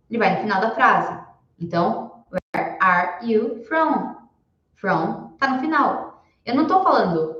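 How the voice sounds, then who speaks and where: A young woman whose first language is Portuguese gives a live online English lesson and patiently repeats her examples slowly. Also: medium pitch, reverberant, dull audio. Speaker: English teacher.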